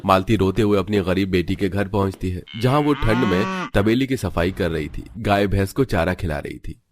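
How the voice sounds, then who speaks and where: A man narrating a cartoon story in a steady, scripted way. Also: deep voice, moderate pace, background noise.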